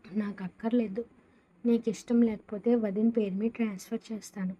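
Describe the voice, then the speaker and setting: A curt young father who says little and keeps it serious, as a woman reading the story puts him on. His lines come through a dull, lo-fi recording at a middling pitch. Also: fairly even intonation, brisk, dark tone, dry recording, close to an everyday voice. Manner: terse, serious. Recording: dull lo-fi sound.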